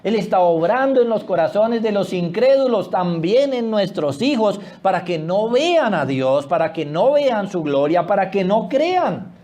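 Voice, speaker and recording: A man preaching a sermon as pastor, swinging between loud exclamations and hushed low asides. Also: big pitch swings, measured pace, hardly any pauses.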